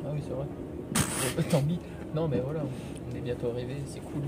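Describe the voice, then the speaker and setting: A young adult man from France chatting casually to the camera and a friend, excitable, slangy and joking. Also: brisk. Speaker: vlogger. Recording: noisy vlog audio with loud vehicle rumble.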